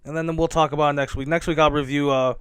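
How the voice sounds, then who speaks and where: A man hosts a casual solo podcast, talking loosely with plenty of cursing and mid-sentence self-corrections. His voice sits a bit high for a man and comes across smooth and clear. The sound is dry and close. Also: flat delivery, fast, a bit bright, no echo. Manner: rambling, self-correcting and profane. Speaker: podcast host.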